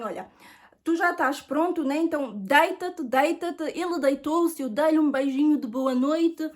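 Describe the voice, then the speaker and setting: A middle-aged woman with a European Portuguese accent, telling an earnest personal faith testimony and addressing viewers as friends. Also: high-pitched.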